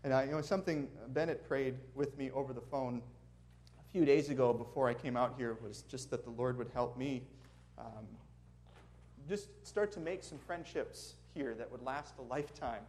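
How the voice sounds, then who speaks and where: At a normal speed and with a medium-pitched, darkish voice, a man from Minnesota with a Minnesotan accent preaches as a guest in a church sanctuary. His sermon mixes prayer and storytelling for the congregation, delivered earnestly and amiably with chuckling asides.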